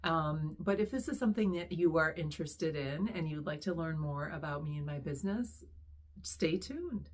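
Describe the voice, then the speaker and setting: A middle-aged woman, hoarse after losing her voice, chatting casually as she introduces her reselling channel with many pauses and ums. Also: low-pitched, expressive. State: hoarse, recovering lost voice. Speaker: online reseller, channel host.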